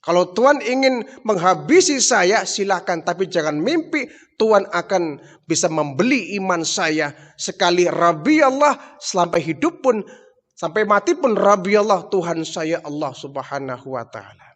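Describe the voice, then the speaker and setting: A man's voice: high voice, lively intonation, normal speed. A man voicing a devout woman servant who firmly and fearlessly declares her faith, in a preached story. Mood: defiant. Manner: firm, declaring, unafraid. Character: steadfast devout woman servant, defiant, calm. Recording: long hall reverb.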